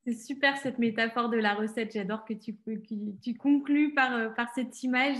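A woman's voice: fairly high pitch, fairly even intonation, normal speed, fairly bright tone, roomy sound. A woman hosting an interview, who encourages her guest with enthusiastic questions. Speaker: interview host.

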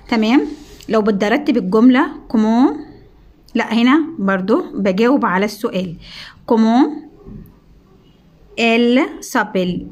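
A woman's voice: mid-range voice, darkish tone. Egyptian woman teaching French basics. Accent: Egyptian Arabic. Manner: explains slowly, drawing out French words and repeating them. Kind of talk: recorded review lesson.

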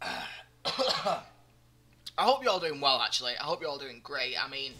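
Chatty and joking, a young gaming commentator talks to himself as he plays, his voice slightly groggy. It sits at medium pitch and comes out pushed and bright, very animated yet measured in pace.

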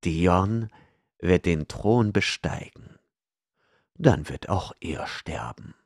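A man's voice: low-pitched, animated, drawn-out words, creaky, darkish tone, dry recording, clean studio sound, heavily acted. A man voicing a scheming, arrogant male outlaw noble in an audiobook, cold and domineering. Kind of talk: audiobook character reading.

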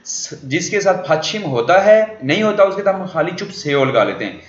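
A man's voice: high voice, big pitch swings, moderate pace. A man teaching a language class, explaining words and repeatedly quizzing his students with questions. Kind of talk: classroom lecture. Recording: dull roomy classroom recording.

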